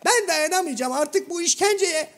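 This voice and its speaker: Prissy shadow-play gentleman, male, squeaky high voice, formal, fussy, exasperated. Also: animated, normal speed. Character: Hacivat, prim exasperated educated gentleman, male. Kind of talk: comic shadow-play sketch.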